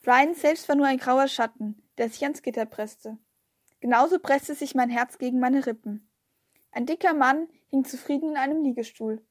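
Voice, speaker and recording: A woman reading a children's novel aloud in a steady, expressive way. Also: sits high, normal speed. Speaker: audiobook reader. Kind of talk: scripted narration.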